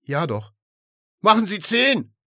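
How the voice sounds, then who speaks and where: A man voicing a nervous, reluctant man who turns loud and insistent, in an audiobook. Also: medium pitch, big pitch swings, normal speed, no echo, studio quality, pitched above the performer's own voice. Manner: hesitant, then loud and insistent. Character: nervous, reluctant grown man dodging a trip. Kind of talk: audiobook reading.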